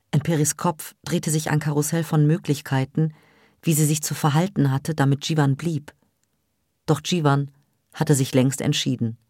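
Eine Frau liest ruhig und gemessen ein Hörbuch. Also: female voice, deep voice, darkish tone, no echo, studio quality. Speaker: audiobook narrator. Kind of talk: audiobook reading.

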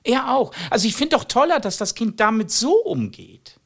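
A man tells comic stories in an interview. His pitch swings widely, jumping high when he quotes people and dropping low for asides. He sounds lively and animated throughout. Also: moderate pace. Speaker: comedian and magician. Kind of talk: anecdotal storytelling in an interview.

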